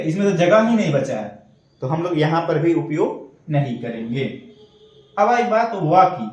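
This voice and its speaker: A man's voice: a little high, very echoey, far from the mic, rough recording. A man teaching an online shorthand class, explaining step by step and checking in often. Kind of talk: online lesson.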